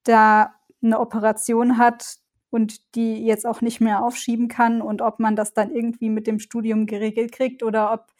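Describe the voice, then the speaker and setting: A young woman, a student, calmly explaining her view in a casual conversation. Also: on the high side, moderate pace. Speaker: student, podcast co-host.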